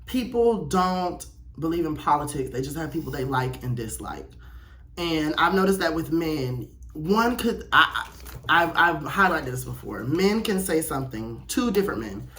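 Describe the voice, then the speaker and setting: A young personal-channel host reads aloud and reacts by himself, his talk blunt, opinionated and slangy. His voice is on the high side, very animated yet at a moderate pace, sounding pushed and bright.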